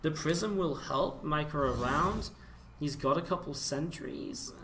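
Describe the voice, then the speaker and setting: A man's voice: on the high side, a little slow, a bit bright, far from the mic, a little hiss or hum. A man doing live play-by-play commentary on a video game, informal and chatty, thinking aloud as he goes. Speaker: esports commentator. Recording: music behind the voice. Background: music.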